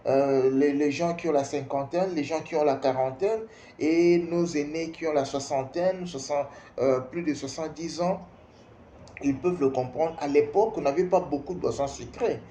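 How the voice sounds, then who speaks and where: Addressing parents in a spoken opinion piece, a Congolese-accented man in his fifties from Kinshasa talks emphatically, repeating himself and asking rhetorical questions. His voice is a little high and mellow, at normal speed, in a roomy-sounding space with faint background noise.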